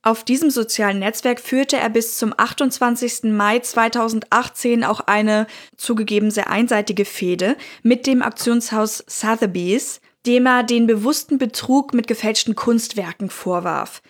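A woman's voice: on the high side, moderate pace, hardly any pauses. Woman reading a true-crime podcast script. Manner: reads from a script with personal asides. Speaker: podcast co-host.

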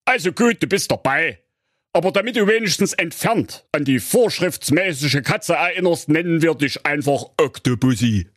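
A man's voice: a little high, expressive, normal speed, fairly bright tone, no echo, studio quality. A man playing a bossy, hot-tempered male donkey who leads a band in a comedic radio play. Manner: bossy, blustering.

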